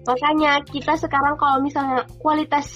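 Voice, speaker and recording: A woman's voice: sits high, little pitch movement, a little fast, fairly bright tone. A young woman with a congested, nasal voice, as if pinching her nose, chatting playfully as a podcast co-host. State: congested, sniffly with a cough. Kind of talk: casual chat. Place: bedroom, remote call. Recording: muffled remote-call audio, music behind. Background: music.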